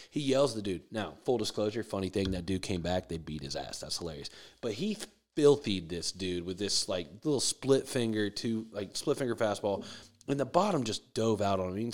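A man ranting about baseball in a heated, profane, swaggering way, swearing freely. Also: mid-range voice. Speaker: sports commentator. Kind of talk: profane sports rant.

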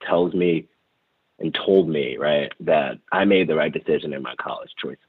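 A man's voice: very deep voice, moderate pace, slightly rough, no echo. A young man telling his story as an interview guest, reflective and full of fillers and restarts. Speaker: interview guest, former college lacrosse player. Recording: tinny phone-line sound.

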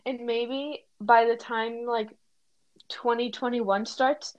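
A teenage girl co-hosting a podcast, talking in a thoughtful, halting way with lots of fillers. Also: on the high side, steady tone, dry recording, rough recording. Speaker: podcast co-host. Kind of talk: casual reflective chat.

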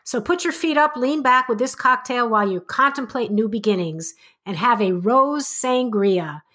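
A woman with a fairly high voice presents a drink recipe during a casual chat. She sounds cheerful and lists the ingredients one by one. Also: moderate pace, a bit bright.

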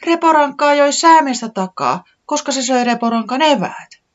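Tiputi, a reader doing a high, fretful little chick. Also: dull audio. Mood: excited. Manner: high, excited and complaining. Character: small sick worried chick, easily upset.

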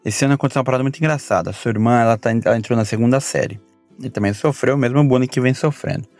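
A man's voice: mid-range voice, very fast. Slangy Brazilian dad talking to his son. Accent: Brazilian Portuguese. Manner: slangy, rambling, animated when retelling stories. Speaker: father recording a birthday message. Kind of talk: casual spoken message to his son. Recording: faint music behind.

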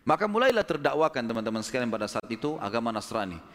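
Lively male preacher telling a story. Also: medium pitch, rapid-fire, in a large hall. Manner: lively storytelling with casual asides. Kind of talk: storytelling sermon.

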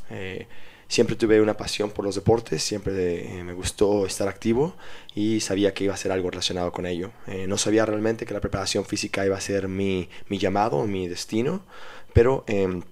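A man with a Mexican accent, a strength coach from Mexico City, telling his career story calmly with many fillers, recorded in a hotel room. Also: low-pitched. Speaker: guest, strength and conditioning coach. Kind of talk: casual podcast interview. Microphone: portable recording kit.

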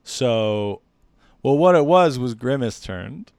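A man co-hosting a podcast in casual chat, rambling with jokey deadpan asides. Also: medium pitch, slow pace, gravelly, smooth, no room sound, studio quality. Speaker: podcast co-host.

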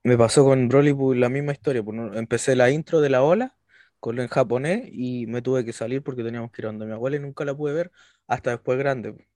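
A young Chilean man talking in a relaxed, slangy way as a podcast co-host. His voice is in a middle range, and the sound is close and dry. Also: mid-range voice, fast, no room sound. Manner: relaxed, laughs often, slangy. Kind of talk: casual chat.

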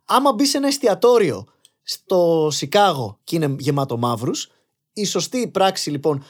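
A podcast guest, a young man with a slightly high voice, makes his case energetically in a relaxed conversation. He sprinkles English phrases throughout.

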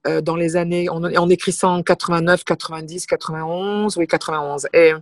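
A woman's voice: lowish voice, a little fast, dry recording, clean studio sound. A middle-aged woman, a singer and comic performer, telling stories as an interview guest with emphatic repetitions. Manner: lively anecdotal storyteller with emphatic repetitions. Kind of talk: casual interview storytelling.

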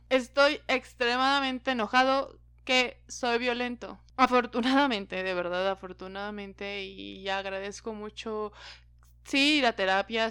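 A woman's voice: fairly high pitch, a bit bright, smooth, no room sound. A woman with a Mexican Spanish accent, talking to her viewers in a frank, casual monologue, swearing freely. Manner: frank and profane, laughing often. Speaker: vlogger.

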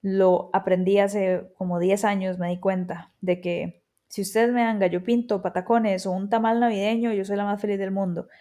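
Hosting her podcast, a woman from Costa Rica in her thirties talks through a reflective personal monologue at a normal speed, her accent clearly Costa Rican. Her warm, medium-pitched voice keeps fairly even intonation, and she's chatty, often slipping in quoted asides.

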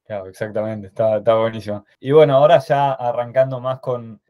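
A man's voice: medium pitch, fairly even intonation, fairly quick, warm tone. A man with an Argentine accent hosting a podcast interview, asking questions hesitantly with many restarts. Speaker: podcast host.

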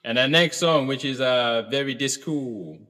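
Medium-pitched and a little slow, with a sharp tone, this man co-hosts a relaxed album review podcast recorded with a big-room sound. He keeps things easygoing, breaking into hums and sung lines from the songs.

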